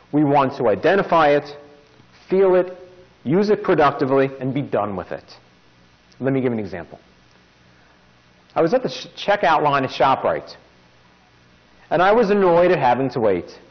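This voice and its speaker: A man's voice: on the high side, sing-song, normal speed, long pauses. A man giving an informal self-help talk as a podcast host. He mixes wry, jokey asides into his explanations. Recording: dull lo-fi recording.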